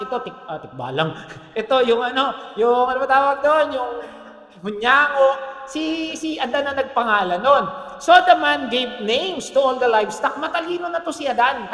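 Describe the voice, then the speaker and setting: A middle-aged Filipino man preaching a sermon in a joking, animated way, with asides to the congregation. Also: very high voice. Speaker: pastor. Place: church hall. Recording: echoey hall with long reverb.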